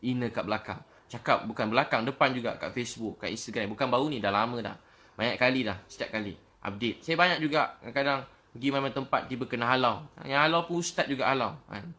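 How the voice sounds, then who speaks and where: A man's voice: mid-range voice, fast talker, pushed and bright. A man with a Malaysian accent giving an earnest, emotional sermon talk as a preacher, repeating his phrases over and over.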